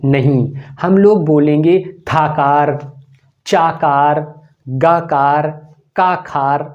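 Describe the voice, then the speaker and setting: A man with a Hindi accent teaching a grammar lesson, dictating slowly, one word at a time, with long pauses. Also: a little high, a little mellow, dull audio. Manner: slow, drawn-out dictation with long pauses between words.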